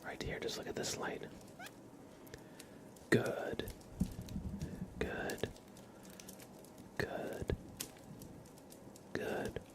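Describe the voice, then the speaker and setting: Whispering much of the time, this man's live ASMR stream carries a deadpan, playful roleplay feel. He speaks softly and extremely slowly, leaving long pauses.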